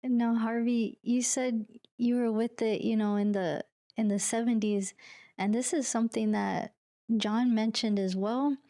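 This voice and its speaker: A woman's voice: fairly high pitch, steady tone, a little slow, mellow, no room sound, clean studio sound. A woman hosting a podcast interview, friendly and upbeat, introducing and questioning her guest. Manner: friendly, upbeat, laughs often. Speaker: podcast host.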